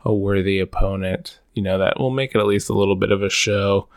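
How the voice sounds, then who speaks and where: Low, flat-voiced man on a podcast. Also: a little fast, gravelly, no room sound, clean studio sound. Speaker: podcast co-host. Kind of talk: casual podcast chat.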